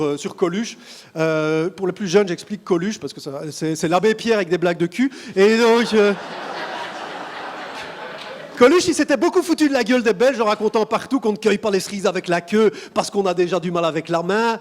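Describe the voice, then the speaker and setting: A young Belgian comedian with a lightly softened Belgian accent performs stand-up on a theatre stage. His voice sits high for a man, and he delivers jokes with dry, offhand asides. The sound carries the long reverb of a theatre hall. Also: slight background noise. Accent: Belgian French, toned down. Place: theatre stage before a live audience.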